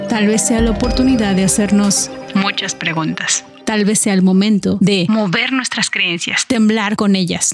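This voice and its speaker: A woman hosting a podcast, reading a scripted, reflective closing narration in a measured way. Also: mid-range voice. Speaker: podcast host. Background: music.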